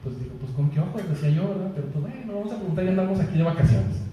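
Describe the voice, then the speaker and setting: A man's voice: sits high, lively intonation, racing, dark tone, slight background noise. A man with a Mexican accent preaching a sermon, telling a personal story in a jokey, chatty way and laughing at his own jokes. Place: church hall. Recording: echoey church hall, mic from far off.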